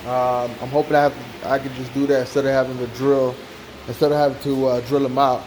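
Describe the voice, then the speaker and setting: A man's voice: medium pitch, little pitch movement, fast talker. An American man hosting a car-build vlog in an informal, conversational way, often checking in with the listener. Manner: informal, repeats "you know what I'm saying". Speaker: car-build channel host. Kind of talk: casual vlog walkaround. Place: hot car workshop with fan running. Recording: clear fan noise behind the voice.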